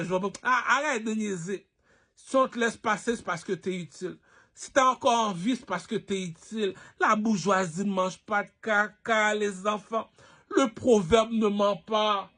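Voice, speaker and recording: A man's voice: sits high, sharp tone. A man from Haiti delivering a rambling, preachy monologue, firing rhetorical questions at his listeners and repeating his lines. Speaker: online personality.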